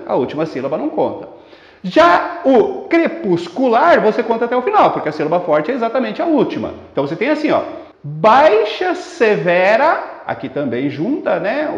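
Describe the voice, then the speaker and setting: A man with a Brazilian Portuguese accent teaching a poetry lesson for exam students, explaining step by step and slowing down to read verses aloud. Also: sits high. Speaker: literature teacher. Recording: roomy echo, dull lo-fi sound.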